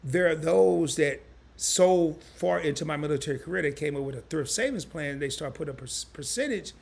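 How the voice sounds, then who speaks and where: A man hosting a casual live stream, animated and chatty, reading viewer comments aloud in loose slang. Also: a little high, a little fast, creaky. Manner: animated, chatty, repeats himself.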